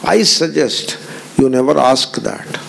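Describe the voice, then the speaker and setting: A man's voice: mid-range voice, expressive, takes it slowly, vocal fry, fairly bright tone, slightly rough. A man giving a spiritual discourse, emphatic, repeating phrases and putting pointed questions to his listeners. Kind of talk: Vedanta discourse.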